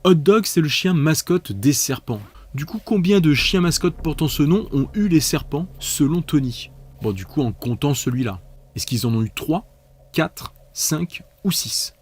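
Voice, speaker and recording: A man's voice: a little high, lively intonation, moderate pace, husky. A man hosting a multiple-choice quiz, reading out questions and options with playful, chatty asides. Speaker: quiz host.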